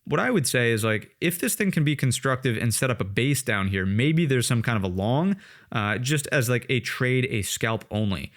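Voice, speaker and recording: A man's voice: medium pitch, animated, moderate pace. A man talking through stock charts on a screen share, conversational, with lots of fillers and "right?" check-ins. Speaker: trading educator. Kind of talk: screen-share market analysis.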